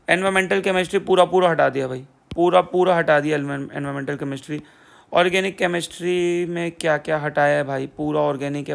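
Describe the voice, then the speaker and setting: This exam prep educator is a young man with a creaky, somewhat high voice, going over syllabus changes in a laid-back, sarcastic manner. "Theek hai bhai" and "poora poora" come up again and again as he repeats himself.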